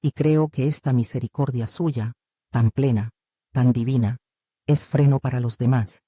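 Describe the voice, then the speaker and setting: An audiobook narrator reading a religious text with lively expression. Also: medium pitch, unhurried, breathy edge, dry recording, studio quality.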